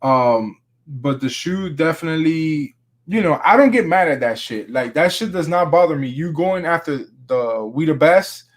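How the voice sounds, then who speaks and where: Here the Miami sneaker vlogger sounds a little high and animated, keeping a moderate pace. Still laid-back and slangy, he drops "bro" frequently while casually chatting about sneakers.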